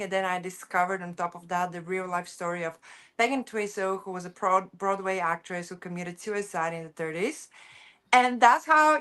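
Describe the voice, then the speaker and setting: A woman's voice: medium pitch, sharp tone, clean tone. A woman from Bulgaria, a filmmaker guest talking casually on a podcast, circling back and restarting her thoughts. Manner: chatty, circles back and restarts while explaining.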